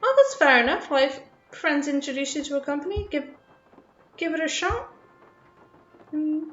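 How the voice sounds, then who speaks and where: While playing, a nervous, self-conscious streamer, British but partly raised in Australia, rambles through a casual chat with her viewers. Her high voice is expressive and fairly bright, at a normal speed. The reverberant recording has its highs cut off.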